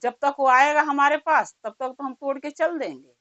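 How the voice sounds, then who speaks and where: A woman's voice: high voice, normal speed, no echo, muffled recording. Storybook granny, stubborn and secretive, brushing people off; a woman storyteller voices her. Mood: dismissive. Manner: hushed, dismissive. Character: scolding old grandmother, secretive and stubborn.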